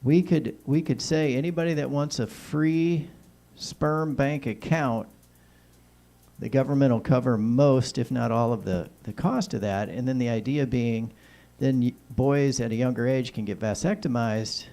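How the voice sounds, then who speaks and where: A man's voice: medium pitch, a little slow, gravelly, warm tone. A man with a whistling s hosting a call-in show, giving opinionated, joking monologues addressed straight to listeners. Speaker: talk show host.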